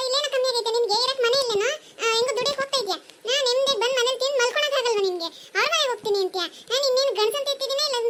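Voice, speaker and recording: A woman voicing a shrill, clingy cartoon mother. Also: heavy background noise. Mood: scolding. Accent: Kannada. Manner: pleading, emotional, scolding toward her daughter-in-law. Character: aging mother, clingy, pleading, devoted to her son. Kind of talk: cartoon dubbing.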